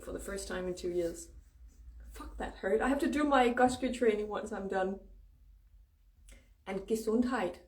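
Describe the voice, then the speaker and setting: A woman's voice: medium pitch, a little mellow. A woman with a Danish accent, a native Danish speaker, giving a casual spiritual talk as host, informal and emphatic with free swearing. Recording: roomy echo, distant microphone.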